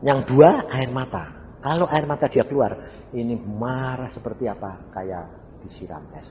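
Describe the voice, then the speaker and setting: A man's voice: mid-range voice, normal speed, dull audio. A male evangelist, preaching a sermon and telling a story, often asking the congregation questions. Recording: reverberant hall with faint background noise.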